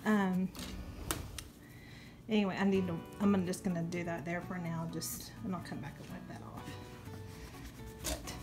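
A young woman who vlogs about home cleaning chats casually in her indoor kitchen while demonstrating how she cleans it, dropping in lots of ums. Her voice is fairly low, her pace moderate, and she leaves long pauses. Music plays underneath her voice.

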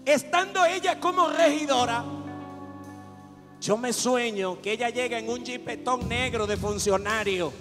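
A man's voice: very high voice, measured pace. A man with a Dominican accent preaching a fervent sermon at a live church service and calling people to the altar. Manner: fervent, rising to exhortation. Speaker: pastor. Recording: echoey hall, live worship music.

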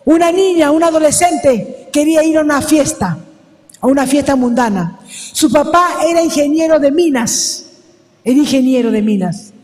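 High-voiced woman preaching with hall echo. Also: normal speed, darkish tone. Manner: emphatic, repetitive, addresses congregation as brethren. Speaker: preacher at a women's service. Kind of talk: sermon.

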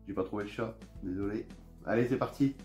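A man with a northern French accent talks through an unboxing on his channel, relaxed and chatty, pausing often to hesitate. His voice sits on the low side with a warm, mellow tone, and soft music plays quietly underneath. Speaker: channel host. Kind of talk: casual unboxing narration. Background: faint background music.

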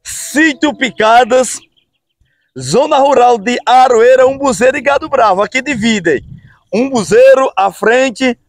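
A Brazilian man hosts a casual outdoor vlog on a road bridge over a river, filming himself on a phone camera at arm's length. His extremely high-pitched voice is upbeat, with drawn-out phrases and frequent "hein, pessoal?" tags.

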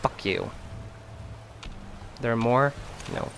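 A man's voice: medium pitch, slow, creaky, background noise. A man casually commenting on his video game play, chatty and swearing freely. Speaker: let's play gamer. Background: game music.

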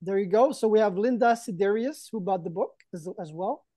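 On a video call in front of a green backdrop indoors, a man in his thirties or forties co-hosts an online event, trading jokey, mock-earnest banter. His voice is high and dark-toned, a little fast, captured with studio quality and no room sound.

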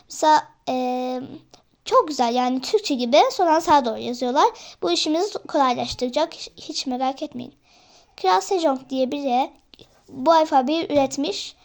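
A young woman with a high-pitched voice hosts a casual learning vlog. She talks to her viewers as friends, pausing on fillers as she works through each point. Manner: chatty, often addresses viewers as friends, hesitant fillers. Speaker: vlogger teaching herself Korean.

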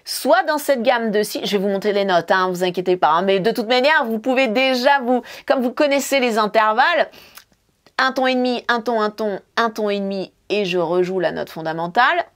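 With a fairly bright, somewhat high voice at normal speed, a woman teaches piano in a relaxed demonstration lesson. She explains a scale as she plays, counting the fingerings out loud as piano notes sound in the background.

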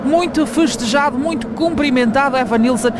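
Over very loud stadium noise, a woman reports live on a football match. She speaks with a European Portuguese accent, as a pitchside reporter on a radio broadcast. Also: normal speed.

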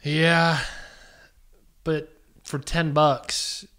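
A man's voice: on the high side, little pitch movement, drawn-out words, pushed and bright, clean tone. A man co-hosting a casual podcast, joking around and rambling with lots of fillers. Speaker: podcast co-host.

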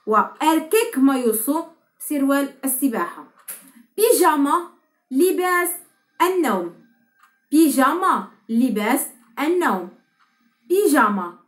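Young woman, from Morocco, language teacher, slow clear repetition, bright lilting pitch, echoey room. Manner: repeats each word slowly and clearly. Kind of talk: vocabulary lesson with slow repetition.

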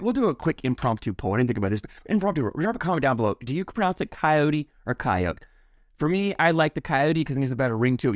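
A man's voice: mid-range voice, dry recording, clean studio sound. A man giving a casual, enthusiastic product review, rambling a bit with restarts and repeated words.

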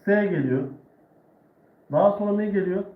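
A man teaching Quran reading in a live online lesson, drilling letter sounds slowly and patiently. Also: high-pitched. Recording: echoey room, tinny phone-like sound.

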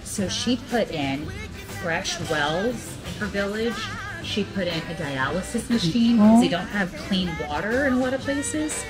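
A woman speaking in casual conversation, talking in a relaxed way with filler words. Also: medium pitch, unhurried, music in the background, rough recording.

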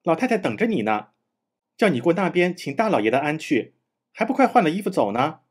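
A frank young maid who scolds her spoiled master in an animated voice. The tone is husky, as a man takes her part. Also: fairly high pitch, fairly quick. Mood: reproachful. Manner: reproachful.

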